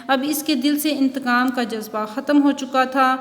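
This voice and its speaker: A woman teacher giving a recorded school lesson, explaining punctuation and reading a story aloud at a slow, careful pace. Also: high voice, fairly even intonation, long reverb tail. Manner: reads textbook examples and a story aloud, explaining slowly. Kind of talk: online Urdu class lecture.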